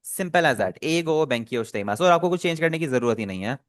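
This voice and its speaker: A man's voice sits a little higher than most men's and sounds dry and close to the mic. He teaches Japanese in an online class. He is patient, and he repeats each phrase slowly and carefully so the students can copy it. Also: lively intonation, no room sound.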